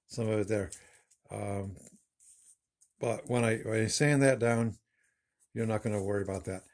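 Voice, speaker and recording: A man in his fifties who hosts a woodworking channel rambles and corrects himself as he shows his work, holding a phone camera at arm's length in his low-ceilinged home woodshop. It is a casual workshop demonstration. His voice is on the low side and darkish, with a bit of hiss or hum in the audio.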